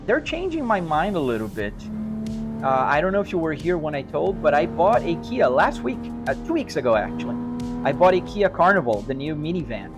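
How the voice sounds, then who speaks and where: Sitting at his home sim racing rig with music in the background, a Brazilian-accented streamer from Brazil rambles easygoingly while answering viewers, full of restarts and hedges. His voice is on the high side, sing-song, and a little fast.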